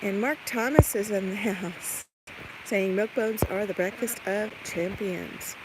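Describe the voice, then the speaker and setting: Loud farm noise with clucking chickens and a rooster surrounds a woman's medium-pitched voice. She talks casually into a handheld camera as she does chores, thinking aloud and chatting to viewers and to the animals. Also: measured pace. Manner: rambling, thinking aloud while busy with chores; coos and chats to animals in questions. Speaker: livestream host doing farm chores. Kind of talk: casual chatty livestream walk-about, talking to viewers and animals. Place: farmyard, barn and chicken coop. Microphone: handheld phone or camera.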